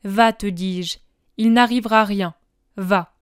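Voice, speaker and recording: Une femme lisant un maître grave et sévère, colère contenue, ton bas et terrible, voix claire. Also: female voice, fairly even intonation, slow, smooth, dry recording, studio quality, lightly acted. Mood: stern. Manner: low, terrible restrained tone. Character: stern grave man, master confronting a thief.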